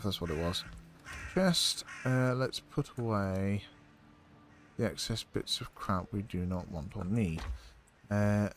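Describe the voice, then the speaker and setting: A man's voice: low-pitched, a bit bright, a little hiss or hum. A man streaming a game, chatting casually in a rambling way, swearing often and filling gaps with ums and likes. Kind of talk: casual chat while playing a game.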